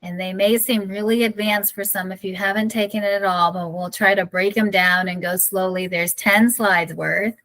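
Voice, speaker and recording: A woman's voice: medium pitch, steady tone, normal speed, few pauses, a bit bright, low-quality recording. Encouraging woman co-hosting online session. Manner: organized, encouraging, explains steps plainly. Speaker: session co-host. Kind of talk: casual online presentation.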